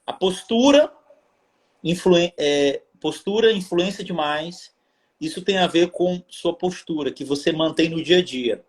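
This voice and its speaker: A man's voice: a little high, a little slow. Upbeat Brazilian co-host man. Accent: Brazilian Portuguese. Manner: upbeat, thanks viewers by name. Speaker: live stream co-host reading questions. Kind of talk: live stream hosting.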